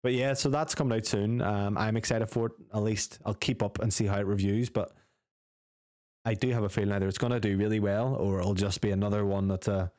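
A man's voice: fairly low pitch, fairly even intonation, fairly quick, a little mellow, no echo, studio quality. A man co-hosting a gaming podcast who chats casually, gives strong opinions, swears freely and reads out news items. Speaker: podcast co-host.

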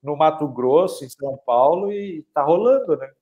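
A man with a fairly high voice talks casually about online selling. He tells client stories and acts out their lines, tagging many sentences with a questioning "né". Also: animated, normal speed, dull audio. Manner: storytelling with acted quotes, frequent "né". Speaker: e-commerce consultant. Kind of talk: casual chat.

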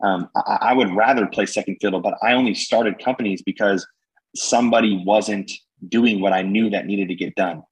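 Young male guest, husky and energetic, rambling casual delivery. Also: on the low side, normal speed, poor audio. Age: young adult. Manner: energetic, rambling with many fillers and slang. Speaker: guest entrepreneur. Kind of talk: podcast conversation.

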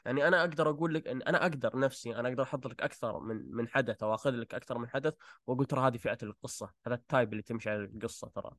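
Quick, halting Gulf Arabic man. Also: mid-range voice, dry recording. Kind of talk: casual film discussion.

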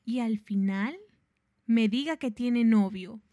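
A woman's voice: fairly high pitch, slow, a crowd in the background. A young woman co-hosting a casual chat, teasing and joking in playful banter with her friend. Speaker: co-host.

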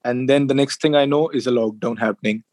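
A man's voice: medium pitch, fast, a little mellow, no room sound. A man in his twenties with a North Indian accent, chatting casually as an interview guest and switching between English and Hindi. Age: 20s. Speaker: interview guest, music producer and sound engineer.

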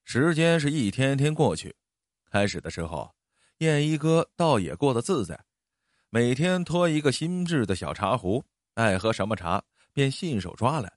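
A man telling a traditional story in an expressive narrating voice, with dramatic rises and falls. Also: medium pitch, moderate pace, dry recording, studio quality.

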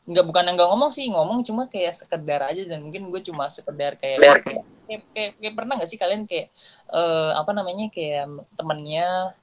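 A young man with a Jakarta Indonesian accent co-hosts a podcast, chatting casually and with plenty of slang. His voice is high-pitched and his pace moderate.

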